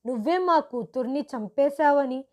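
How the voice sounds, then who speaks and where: Bitter in-laws hurl blame in an accusing storybook voice, as a woman narrator reads them. Her tone stays high. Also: expressive, a little slow. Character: angry grieving in-laws, accusing.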